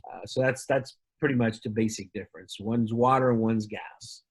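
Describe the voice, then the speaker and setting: A man's voice: mid-range voice, fairly even intonation, normal speed, husky. A man from Argentina, a company representative, talking casually in an interview with many fillers and restarts.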